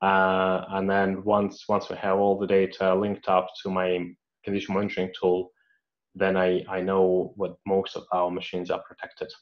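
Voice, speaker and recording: In a career Q&A, a man who works as a mechanical engineer responds to questions read aloud, speaking at normal speed in a low, flat voice. Russian is his first language, and his answers are hesitant and full of fillers and restarts. The sound quality is dull lo-fi.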